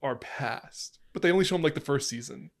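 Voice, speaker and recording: A man's voice: fairly high pitch, very fast. A young man co-hosting a casual podcast, joking around, laughing often and trailing off mid-sentence. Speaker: podcast co-host.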